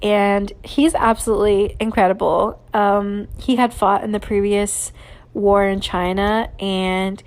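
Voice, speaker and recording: A woman chats casually on her solo podcast. She gushes sentimentally and fills her sentences with ums and likes. Her voice sits at an ordinary middle pitch for a woman. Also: flat delivery, unhurried, darkish tone. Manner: gushing and sentimental, with frequent fillers. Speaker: podcast host.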